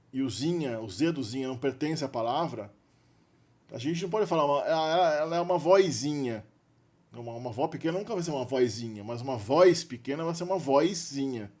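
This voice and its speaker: A man's voice: on the high side, expressive, fairly quick, a little mellow. A man with a Brazilian Portuguese accent giving an unscripted linguistics lecture, thinking aloud with restarts and frequent question tags. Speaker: linguistics video presenter.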